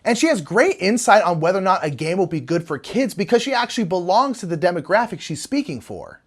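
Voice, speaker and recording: A woman's voice: fairly low pitch, sing-song, fast, husky. A woman co-hosting scripted comedic news in the manner of a parody news anchor. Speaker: co-host of a satirical board game news show.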